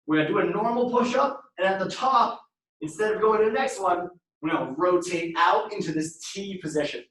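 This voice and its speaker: Speaking fairly quickly in a high, somewhat bright voice, a male instructor runs a live workout, giving short repeated step-by-step cues and counting down reps. He's picked up from a distance in an echoey room.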